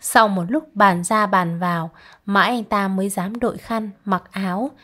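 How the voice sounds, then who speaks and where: A woman reading a short story aloud with measured, expressive storytelling. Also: mid-range voice. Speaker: reader.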